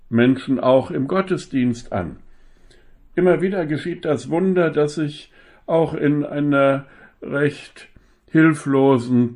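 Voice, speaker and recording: A male preacher delivers a sermon in a slow, deliberate rhythm. His voice sits at an ordinary middle pitch. He leans on key phrases and poses rhetorical questions to the congregation. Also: darkish tone.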